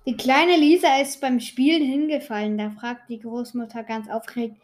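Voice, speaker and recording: A woman with a high voice tells jokes in a relaxed, casual way. She often pauses with fillers while pulling jokes from memory. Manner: hesitant, with frequent fillers while recalling jokes. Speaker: co-host telling jokes. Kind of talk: casual joke telling.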